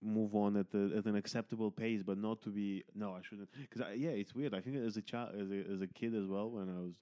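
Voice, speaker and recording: A man's voice: lowish voice, steady tone, a little fast, mellow, smooth, highs cut off. A man hosting a podcast, talking candidly in rambling sentences full of fillers and restarts. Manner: candid, swears casually. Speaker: podcast host. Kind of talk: casual conversation.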